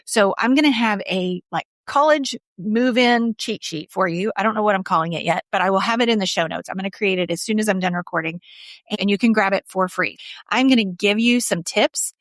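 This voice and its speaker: A middle-aged woman hosts her podcast solo, chatting openly and directly to her listeners. Her voice sits at an ordinary middle pitch. It comes across dry and close, with no room sound around it. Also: no echo. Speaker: podcast host. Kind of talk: casual solo podcast talk.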